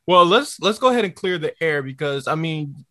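A man's voice: fairly high pitch, expressive, moderate pace, bright, forceful tone, dry recording. A man hosting a casual podcast chat, easygoing, asking questions and laughing often. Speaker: podcast host.

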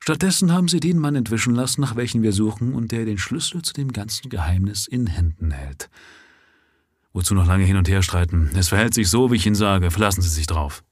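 A sharp, lordly detective, put on by a man reading aloud. He speaks low and measured, with a husky grain, in a dry, close sound. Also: expressive, no echo. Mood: commanding. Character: cool, brilliant male detective, sharp and lordly.

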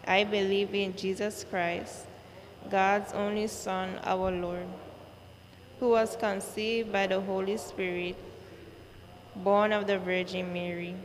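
A woman leading a church service, reciting the liturgy in a slow, measured way, her voice carrying a cathedral echo. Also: mid-range voice. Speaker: worship leader. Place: large church. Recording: long church reverb, faint noise.

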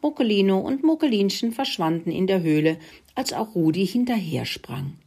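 A woman reads a children's storybook aloud in a breathy voice. She is gentle and speaks straight to the young listener. Her pitch sits in a middle range for a woman. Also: big pitch swings, moderate pace. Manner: gentle, addresses children directly.

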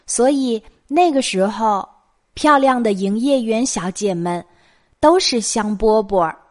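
Higher-pitched Mainland Mandarin woman, bedtime storyteller. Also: lively intonation, measured pace, darkish tone. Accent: Mainland Chinese Mandarin. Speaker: storytelling host of a bedtime show. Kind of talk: bedtime storytelling of childhood memories.

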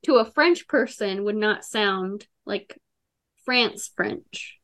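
A woman's voice: mid-range voice, slow, a bit bright. A young woman co-hosting a podcast, easygoing and casual, laughing often and adding agreeing asides. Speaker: podcast co-host. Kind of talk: casual chat.

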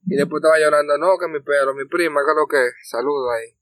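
A man's voice: on the high side, fast, a bit bright, dry recording. A man with on a casual podcast chat, telling a wry personal anecdote. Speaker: podcast co-host.

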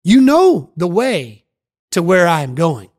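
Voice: medium pitch, lively intonation, slow. A narrator voicing Jesus in a dramatized Bible story, speaking in an earnest, reassuring way to his followers. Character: calm earnest male Jesus teaching followers.

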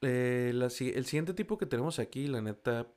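A man's voice: medium pitch, moderate pace, a little mellow. A man with a Mexican accent chatting casually in slangy, profane Spanish, stumbling over foreign food names as he reads a list. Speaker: vlogger. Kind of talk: casual chat reading a list.

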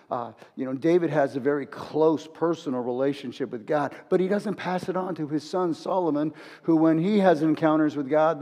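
A man's voice: on the high side, darkish tone. A man preaching a conversational sermon, retelling stories and drawing lessons from them. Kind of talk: conversational sermon built on a film. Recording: long hall reverb.

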